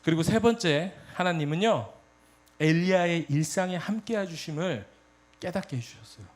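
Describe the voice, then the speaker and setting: A man preaching a sermon to a youth congregation, telling a story in a lively, direct way and often speaking straight to his listeners. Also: a little high, normal speed. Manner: animated storytelling, addresses audience directly. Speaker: youth pastor.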